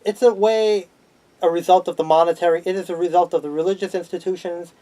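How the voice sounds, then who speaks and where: A man, a sociology student, speaking in a measured, explanatory way with fillers in a casual discussion. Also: high-pitched, steady tone, warm tone, rough recording.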